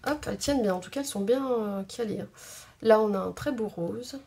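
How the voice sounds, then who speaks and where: A woman's voice: medium pitch, fairly quick, vocal fry, a little mellow, slightly rough. A woman hosting a craft video at home, chatting casually and thinking aloud with many hesitations. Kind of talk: casual tutorial chat. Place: home craft table indoors.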